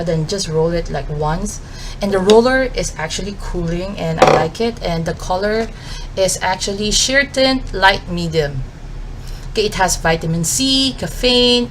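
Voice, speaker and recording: A beauty vlogger in her thirties with a Filipino accent talks through her makeup routine in a casual get-ready-with-me chat, full of "um" and "like." Her voice is fairly low in pitch, and the low-quality recording has slight background noise.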